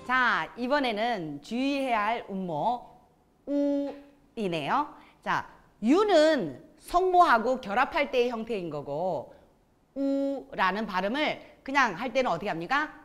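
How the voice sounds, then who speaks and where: Lively woman teaching pronunciation drills. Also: fairly high pitch, unhurried, faint music behind. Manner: calls out drills with cues to repeat. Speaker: Chinese language teacher. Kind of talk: lesson on Chinese pronunciation.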